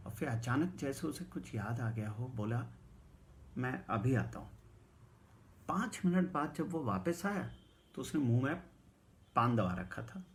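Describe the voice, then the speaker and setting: A man narrates a folk tale at an unhurried pace. His voice is gravelly and steady. He keeps the narration hushed and lets the quoted voices ring out. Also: medium pitch, slight background noise. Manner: hushed narration rising to loud quoted dialogue. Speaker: storyteller. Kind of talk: dramatic storytelling.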